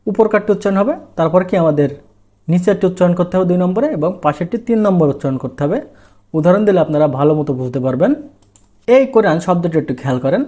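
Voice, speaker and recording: A man's voice: high-pitched, warm tone. A man teaching a language lesson, explaining step by step and often asking a question and then answering it himself. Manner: asks and answers his own questions.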